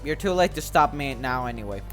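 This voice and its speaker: A man voicing a tiny, grandiose cartoon villain from a game, gloating with slow, theatrical menace. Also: mid-range voice, expressive, soft background music, close to an everyday voice. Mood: smug, menacing. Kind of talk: acted reading of cartoon game dialogue.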